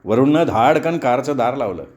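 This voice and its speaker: A man reading a novel aloud as a storyteller, measured and expressive. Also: medium pitch. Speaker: audiobook storyteller. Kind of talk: novel narration.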